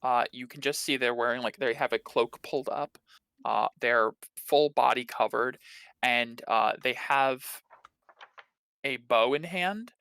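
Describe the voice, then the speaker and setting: A man's voice: mid-range voice, unhurried, clear, resonant tone, no room sound. Dry-voiced man running a tabletop game. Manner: relaxed, hesitant narration with many fillers. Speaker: game master.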